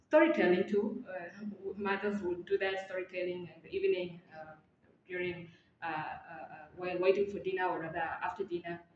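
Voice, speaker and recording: A woman from Tanzania whose first language is Maa, answering interview questions in a hesitant way with many fillers and restarts. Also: fairly low pitch. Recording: echoey, dull lo-fi audio with faint noise.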